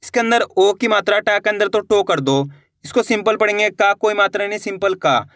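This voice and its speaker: A man teaching beginners to read, sounding out words slowly syllable by syllable and answering his own questions. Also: high-pitched, a bit bright, no echo, clean studio sound. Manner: slow, patient syllable-by-syllable sounding out; asks the viewer questions and answers them himself. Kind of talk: reading lesson for beginners.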